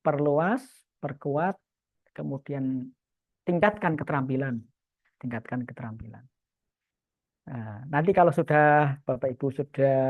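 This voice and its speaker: A male instructor lecturing civil service trainees, expressive, pushing his voice loud and then dropping it low for emphasis. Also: dry recording. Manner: expressive, swings loudness up and down for emphasis. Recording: tinny phone-like sound, dry.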